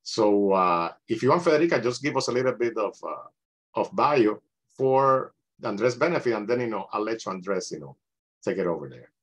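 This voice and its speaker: A man's voice: on the low side, expressive, normal speed, husky. A middle-aged man leading a book club over a video call, talking casually with many restarts. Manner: hesitant, many restarts and "you know".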